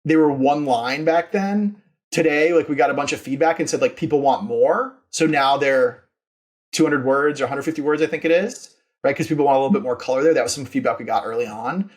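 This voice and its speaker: This man talks a little fast at a medium pitch, recounting his experiences as a founder on a podcast. His delivery is casual, emphatic and enthusiastic, like relaxed interview storytelling.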